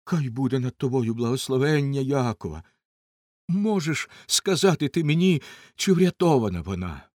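A man's voice: mid-range voice, lively intonation, unhurried, a little mellow, no echo, clean studio sound. A man reading an audiobook and voicing an old father in anguish, speaking in a trembling, lamenting way. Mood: agitated. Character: old grieving father, desperate and pleading.

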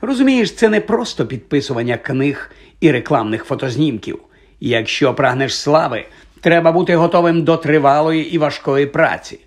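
A man's voice: fairly high pitch, animated, moderate pace. A man voicing a vain, flustered male celebrity wizard professor who stammers through hesitant fillers in pompous speeches. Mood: pompous, lecturing.

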